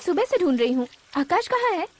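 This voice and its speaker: A woman's voice: extremely high pitch, sing-song, a little fast, a little mellow, no room sound. An actress dubbing a demanding young woman who makes cutting, scornful remarks. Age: young adult. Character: sharp-tongued young woman, a politician's demanding daughter. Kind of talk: Hindi film dub. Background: film score.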